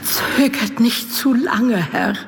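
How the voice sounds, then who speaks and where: A fearful castle nurse, implores in a fairly high voice. She speaks slowly and solemnly in archaic words, in the style of gothic audio drama, with long reverb. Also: vocal fry. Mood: desperate pleading. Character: fearful, pleading old-fashioned castle nurse, devoted and superstitious.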